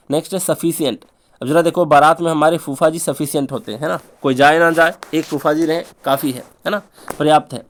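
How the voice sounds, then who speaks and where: A man teaching an English spelling lesson in Hindi, drilling each word over and over in a sing-song way with quick asides. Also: on the high side. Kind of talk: spelling lesson for exam prep.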